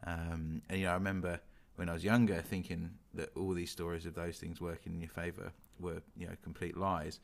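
A young man with a London accent talks in a deep, low register. He chats casually as a podcast co-host, thinking aloud and qualifying nearly every point with "sort of" and "you know". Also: little pitch movement, a little fast, creaky, few pauses. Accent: London English. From England. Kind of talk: casual chat.

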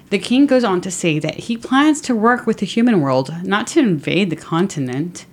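A woman with a lowish voice co-hosts a book podcast. She chats in an animated way, full of fillers, and also reads the chapter summary aloud. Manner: chatty, filler-heavy, animated. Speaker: podcast co-host. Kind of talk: casual chat and reading a book summary.

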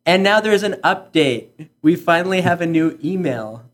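A man's voice: sits high, lively intonation, normal speed, a bit bright. Rambling jokey podcast co-host man. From Canada. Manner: rambling, self-interrupting, jokey. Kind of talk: casual chat.

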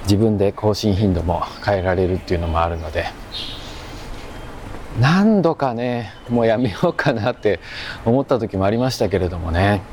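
Male amateur podcaster, lowish pitch, hushed and unhurried, casual monologue on a walk, clearly noisy outdoor sound. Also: lively intonation. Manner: hushed, keeping voice low in quiet public surroundings. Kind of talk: casual solo podcast monologue recorded while strolling. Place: outdoors, walking through a park-like area. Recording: noisy outdoor recording with ambient hum.

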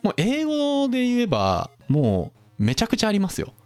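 Lively man explaining economics casually. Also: sits high, normal speed, soft background music. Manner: lively, quizzes his co-host, drops into playful impressions. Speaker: podcast host explaining economics.

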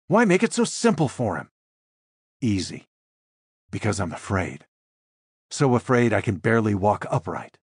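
A man narrates a first-person thriller in a tense, measured delivery. His voice sits low and has a husky, breathy grain. The recording is close and dry, with no room echo. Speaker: audiobook narrator.

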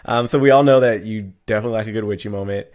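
A man's voice: fairly low pitch, very fast, darkish tone. A man hosting a podcast, asking rambling questions with lots of fillers. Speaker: podcast host. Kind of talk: casual podcast interview.

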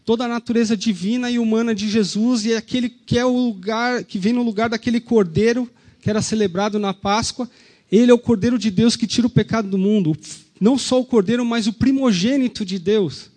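A man's voice: sits high, brisk, a little mellow. A man with a Brazilian Portuguese accent, preaching an Easter sermon as a pastor, retelling the story and asking the congregation rhetorical questions.

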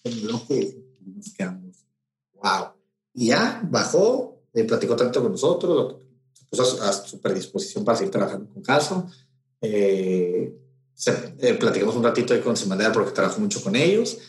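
A man's voice: lowish voice, sing-song, a little fast. Rambling Mexican man, echoey room. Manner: rambling, many fillers and restarts. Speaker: event promoter. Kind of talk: casual storytelling interview. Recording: roomy echo.

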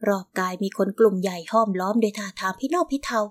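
A woman's voice: medium pitch, steady tone, quick pace. A woman narrating a historical romance novel as an audiobook, reading all the characters' lines in her own voice.

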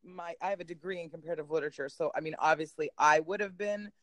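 A woman with a deep, fairly bright voice and a Canadian accent, born in Poland and raised in Canada, guests on a podcast over a remote call. She talks quickly and casually, chatty and self-deprecating, laughing easily. There is no room sound.

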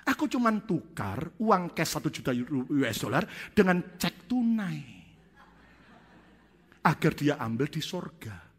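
A man voicing a calm male pastor who insists on his innocence in a raised voice, heard in a reverberant hall. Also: on the high side, a little slow, breathy edge, heavily acted. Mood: defensive. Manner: insistent, self-justifying denial. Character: cool, unflustered male pastor. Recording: long reverb of a large hall.

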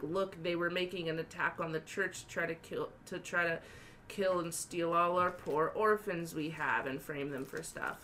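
Low-voiced young woman at a game table. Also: a bit bright, slight background noise, poor audio. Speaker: player. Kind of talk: casual chat at a game table.

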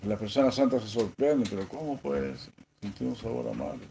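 Gravelly man giving a sermon. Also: mid-range voice, fairly quick, background noise. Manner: swings from soft asides to emphatic stressed words, clears throat often. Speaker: spiritual teacher.

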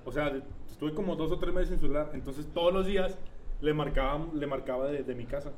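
A man's voice: fairly high pitch, brisk, darkish tone, slight background noise. A young man with a Mexican accent telling a story in casual chat, slangy and swearing a lot. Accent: Mexican Spanish.

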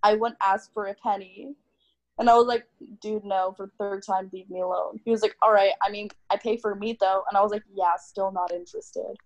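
A woman's voice: medium pitch, fairly even intonation, fairly quick, few pauses, dull audio. A young woman casually telling stories on a podcast, blunt and full of swearing. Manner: blunt storytelling, heavy swearing. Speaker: podcast co-host. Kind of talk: casual chat.

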